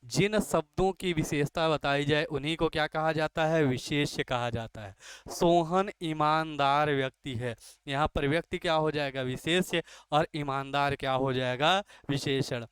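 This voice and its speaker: A male teacher with a slightly high voice and a crisp, resonant tone, drilling his class by asking questions and answering them himself. He says each key term again and again. The sound is close and dry. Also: normal speed, hardly any pauses, a bit bright, dry recording. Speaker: Hindi grammar teacher. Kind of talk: exam-coaching lesson.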